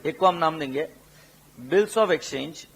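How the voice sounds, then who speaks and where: Slow-speaking male teacher. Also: a little high, vocal fry, slightly rough, poor audio. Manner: mixes Hindi and English, asks students questions; repeats terms slowly for dictation. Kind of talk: classroom lecture.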